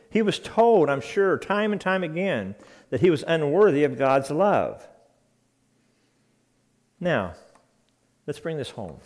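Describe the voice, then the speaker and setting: A man's voice: a little high, a little mellow. Earnest male preacher delivering a sermon. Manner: earnest, emphatic preaching with repeated phrases. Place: church sanctuary.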